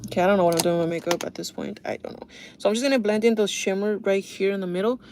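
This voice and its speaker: A woman's voice: medium pitch, racing, noisy background. A woman in her thirties chatting casually to her viewers while doing her makeup, confiding and talking straight to them. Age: 30s. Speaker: beauty vlogger.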